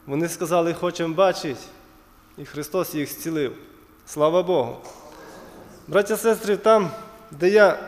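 A man's voice: a little high, darkish tone. A man preaching a sermon, retelling scripture and stories, calling his listeners brothers and sisters. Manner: addresses congregation as brothers and sisters. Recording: long hall reverb, church.

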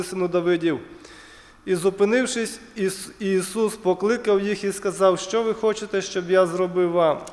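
A man's voice: sits high, darkish tone. A man preaching a sermon, retelling scripture and stories, calling his listeners brothers and sisters. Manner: addresses congregation as brothers and sisters. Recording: long hall reverb, church.

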